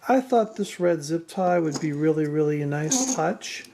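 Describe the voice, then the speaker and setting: A woman's voice: deep voice, expressive, moderate pace. A woman giving a casual, unscripted build walkthrough as a hobbyist presenter, hesitant and self-deprecating, with machine noise behind her. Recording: clear machine noise in background.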